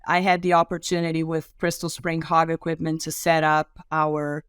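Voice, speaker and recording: Woman, Brazilian accent, middle-aged, slightly low voice, relaxed interview guest, many ums. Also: normal speed, smooth, dry recording, studio quality. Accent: Brazilian Portuguese. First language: Portuguese. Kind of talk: podcast interview.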